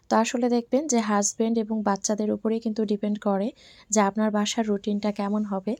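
A hoarse woman from Bangladesh in her thirties narrates her home vlog in a quiet, soft voice. Her tone is warm and mellow. The sound is close and dry, with no room around it. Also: a little high, no echo. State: hoarse from a cold. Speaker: vlogger. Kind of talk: casual voice-over narration.

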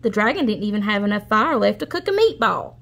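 A woman reading a storybook aloud to children in an expressive, explanatory way. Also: medium pitch, fast talker, vocal fry, a little hiss or hum. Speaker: children's read-aloud host.

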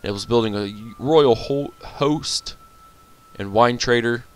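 A man talks through his strategy campaign in a relaxed, offhand way, griping when things go wrong. His voice is smooth and clear, sitting in an ordinary middle register. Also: mid-range voice, takes it slowly. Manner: grumbling, talks to his units and the enemy. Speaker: gaming channel host. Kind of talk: casual strategy game commentary.

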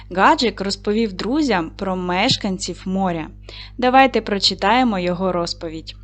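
A woman teacher leads a recorded lesson for young schoolchildren. She speaks clearly and patiently, with an encouraging warmth toward the class. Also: mid-range voice. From Ukraine. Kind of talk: video lesson for second graders.

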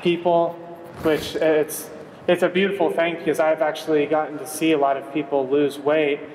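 A man's voice: a little high, little pitch movement, moderate pace, a little mellow. A man working as a fitness trainer, coaching a workout with an upbeat, encouraging manner and counting reps. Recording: echoey hall with background noise.

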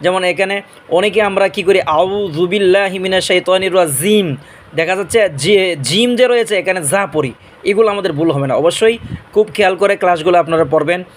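High-pitched guy, native bengali speaker, quran teacher sounding out arabic letters slow one by one then explaining. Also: a little hiss or hum. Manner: drills Arabic letters slowly, then explains in plain speech. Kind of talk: slow letter-by-letter pronunciation lesson.

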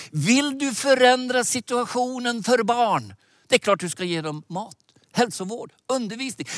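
A man in his sixties preaching a sermon outdoors with animated gestures, speaking into a headset mic. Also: sits high, dry recording, clean studio sound. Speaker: preacher and mission leader. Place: outdoors by a lake.

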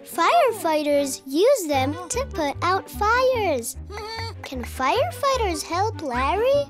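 A performer voicing a cheerful, curious three-year-old boy bunny puppet hosting a preschool show, talking in a slow, exaggerated, sing-song, wondering way. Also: very high-pitched, very animated, full character voice. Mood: curious, helpful. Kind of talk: children's educational puppet show, talking to young viewers. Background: children's music.

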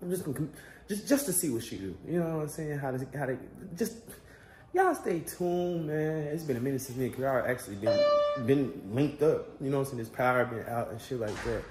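A man's voice: medium pitch, animated, a little fast, over music. A young man vlogging at home, talking in a laid-back, slangy, rambling way. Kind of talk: casual vlog talk. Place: at home indoors. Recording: echoey room.

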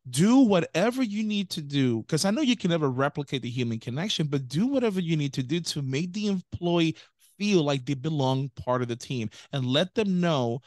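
Casting note: talky male podcast co-host, higher voice, close dry mic, prone to tangents. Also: animated, normal speed, a little mellow, dry recording. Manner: rambling, self-interrupting, prone to tangents. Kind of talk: casual business podcast chat.

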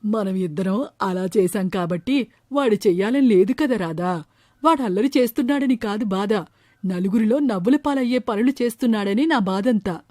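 A woman's voice: mid-range voice, moderate pace, warm tone, no room sound, studio quality, natural voice. A woman voicing a worried, caring village father who herds cows, in a storybook tale. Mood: troubled. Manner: earnest, worried.

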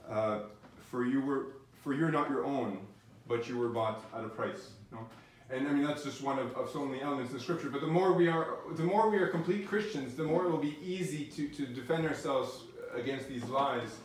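A middle-aged physician giving a faith-based lecture, speaking earnestly and haltingly, with many restarts. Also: male voice, medium pitch. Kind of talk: faith-based academic talk. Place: lecture room. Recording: very echoey room, distant mic, faint noise.

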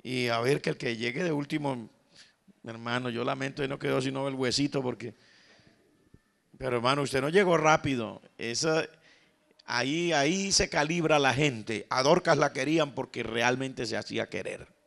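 Bright-voiced Colombian preacher man. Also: medium pitch, moderate pace, creaky. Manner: storytelling preacher, calls the congregation "hermano", acts out the quoted lines. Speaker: pastor. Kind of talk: sermon.

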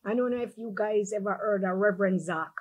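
An older Jamaican woman with a Jamaican accent, appearing as a guest in a group chat, tells her life story in a lively way, laughing as she goes. Her voice is mid-range and her pace brisk.

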